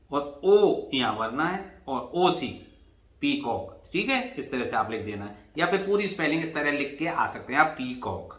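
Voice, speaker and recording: A man's voice: fairly high pitch, bright, forceful tone, reverberant. A man teaching an exam revision lesson, explaining patiently and spelling words out letter by letter. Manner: addresses students as "bhai".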